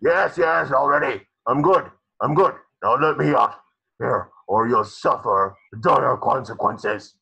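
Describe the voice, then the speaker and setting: A man voicing a pompous, scheming sea-monster supervillain with a gravelly, husky voice in a cartoon table reading. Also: medium pitch, a little slow, sharp tone, exaggerated voice, rough recording. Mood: impatient bargaining. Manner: pompous, theatrical.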